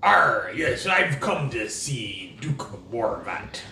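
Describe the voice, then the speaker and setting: A man doing a gruff piratey dwarf cleric. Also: on the high side, big pitch swings, moderate pace, bright, forceful tone, exaggerated voice. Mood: stubborn. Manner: stubborn, defiant. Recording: echoey room, faint noise.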